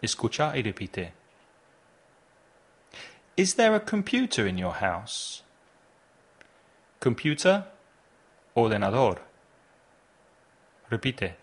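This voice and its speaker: A man teaches a podcast language lesson at a very slow, careful pace. His pitch moves lively up and down as he patiently asks the listener to repeat each word. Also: slightly rough. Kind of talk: slow, deliberate English lesson with drills.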